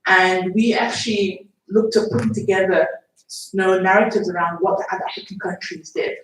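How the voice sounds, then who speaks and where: A woman from Nigeria speaks from the floor of a public event, measured and explanatory. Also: mid-range voice, fairly even intonation, a bit bright. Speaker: audience member asking a question. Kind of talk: question from the floor. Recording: echoey hall, far from mic.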